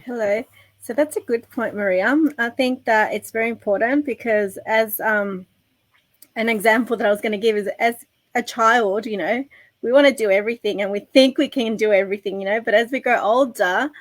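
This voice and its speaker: A woman's voice: a little high, normal speed, no room sound. A woman from Australia, a business owner in her thirties, talking casually on a panel with many fillers. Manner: chatty, lots of fillers like "you know" and "like".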